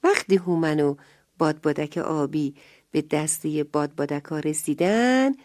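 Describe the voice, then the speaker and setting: Woman reading a children's bedtime story, gentle, expressive, mellow, dry close sound. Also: low-pitched, no room sound. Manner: gentle, expressive, drops to whispers.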